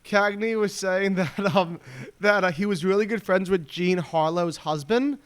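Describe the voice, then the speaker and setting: A man's voice: high voice, measured pace, smooth. A male podcast co-host in casual chat, joking, laughing often and stumbling over repeated words. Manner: jokey, laughs often, stammers and repeats himself.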